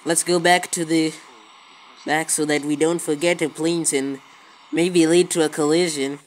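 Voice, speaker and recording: A woman with a medium-pitched, level voice talks at an unhurried pace, giving casual gameplay commentary as a video creator and often repeating words and phrases. She films the screen on a handheld phone, so this amateur recording carries faint background noise.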